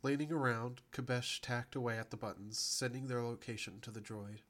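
A man reading a science fiction story aloud as a podcast narrator, telling it in a steady, even way. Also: mid-range voice, normal speed. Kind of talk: scripted narration.

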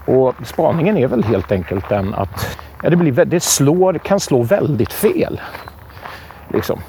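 A man hosting a podcast in relaxed, rambling casual chat, often hesitating. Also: medium pitch, slight background noise. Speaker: podcast host.

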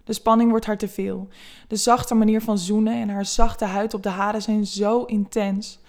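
A woman narrating an erotic story in a soft, intimate, unhurried reading voice. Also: mid-range voice, flat delivery.

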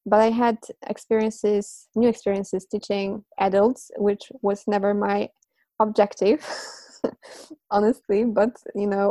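With no room sound, a mid-range female voice comes through clearly: a woman in her thirties whose first language is Polish, a language teacher and psychologist. Being interviewed about teaching and learning, she reflects as she goes, with fillers and soft laughter.

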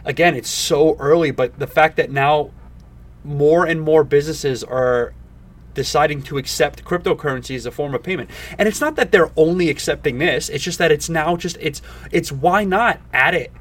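A man hosting a casual podcast with enthusiastic crypto-bro talk, halting and repeating himself with plenty of filler words. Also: fairly high pitch, distant mic. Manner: halting, repetitive, filler-heavy delivery. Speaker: podcast host.

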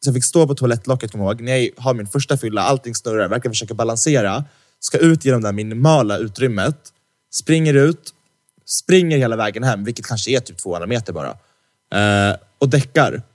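Young male podcast co-host: chatty storyteller, acts out dialogue, jokey, studio mic. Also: mid-range voice. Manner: lively storyteller who acts out quoted dialogue; heavy slang fillers, teasing jokes. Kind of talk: casual podcast chat, storytelling. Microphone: studio microphone.

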